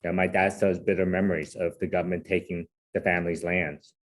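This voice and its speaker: A man who grew up in Hong Kong and San Francisco, speaking as an interview guest in a relaxed, self-deprecating way and often tagging his points with "right?". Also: low voice, fast talker. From Hong Kong, raised in San Francisco. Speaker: guest, corporate chief legal officer. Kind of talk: casual interview conversation.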